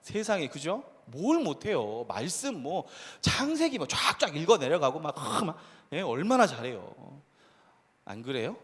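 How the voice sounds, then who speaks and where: A man preaching a lively, conversational sermon to a youth congregation as pastor. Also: a little high, normal speed. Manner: animated, conversational preaching with acted quotes and laughs. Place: church hall. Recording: hall reverb.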